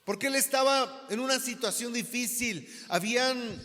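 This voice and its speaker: A man's voice: very high-pitched, normal speed, pushed and bright. A man with a Mexican accent, a pastor preaching a sermon, asking the congregation rhetorical questions. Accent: Mexican Spanish. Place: church hall. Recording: long reverb of a church hall.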